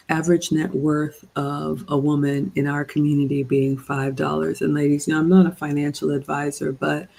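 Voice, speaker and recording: A middle-aged woman from Ghana hosts a livestream as a relationship coach, lecturing her female viewers in an earnest, preachy way. Her voice is dark and gravelly, with a fairly flat, even delivery. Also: low-pitched, poor audio. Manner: earnest, preachy, addresses "ladies" directly. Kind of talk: livestream commentary with viewer shout-outs.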